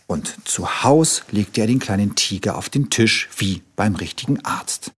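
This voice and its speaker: Slow, husky male storyteller. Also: lowish voice. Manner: expressive, tender storytelling. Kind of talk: children's story reading.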